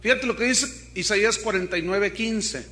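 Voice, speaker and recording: A male pastor preaching a sermon, swinging between loud emphasis and hushed storytelling and asking the congregation questions. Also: sits high, moderate pace.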